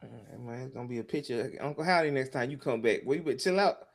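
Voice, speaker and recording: A man's voice: mid-range voice, fast talker. A man co-hosting a livestream over a video call, joking around and trash-talking in casual chat. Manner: animated, joking trash talk. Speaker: livestream co-host.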